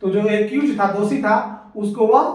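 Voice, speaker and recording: Male tutor, high voice, patient and repetitive, recorded from a distance in a very echoey room. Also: a little slow. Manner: explains patiently, repeats points, often asks "ठीक है ना?". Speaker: teacher. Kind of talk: exam-prep grammar lesson.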